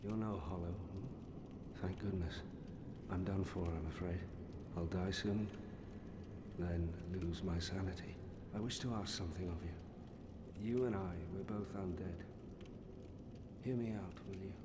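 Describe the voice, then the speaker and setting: Dying undead knight from a game, weary and courteous, really slow halting delivery, noisy audio. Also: male voice, deep voice, steady tone. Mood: weary, resigned. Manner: faint, halting, resigned speech. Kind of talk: video game voice acting.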